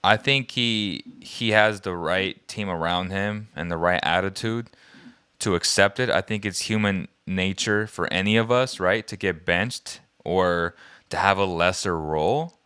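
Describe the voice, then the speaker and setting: A man's voice: sits low, unhurried, smooth, dry recording, studio quality. A man co-hosting a casual basketball talk show, reacting to trade news and musing aloud about players. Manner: relaxed, trails off and restarts, laughs easily. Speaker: co-host. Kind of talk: casual sports chat.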